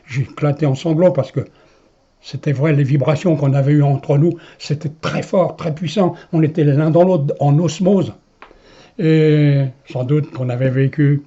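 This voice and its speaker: A man's voice: on the high side, unhurried, gravelly, warm tone, husky. A man telling a personal story in a meandering way, with many hesitations and chuckles. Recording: dull lo-fi recording.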